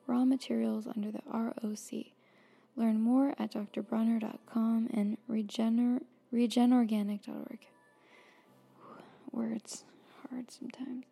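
Woman, ASMR reader: close-mic whisper, husky and breathy, slightly higher voice, relaxed asides. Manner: soft whispering, mostly unvoiced; relaxed, chatty asides between read passages. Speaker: ASMR creator. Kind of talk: ASMR reading aloud.

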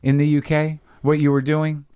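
A man hosting a casual interview, asking questions haltingly as he thinks aloud. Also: fairly high pitch, monotone, dark tone, smooth, dry recording. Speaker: interviewer, podcast host.

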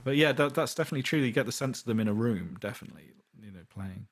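A comedian talks as a podcast guest in a husky, mid-range voice. He speaks with easy enthusiasm and keeps chiming in with quick agreement. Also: medium pitch, expressive. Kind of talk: casual podcast chat.

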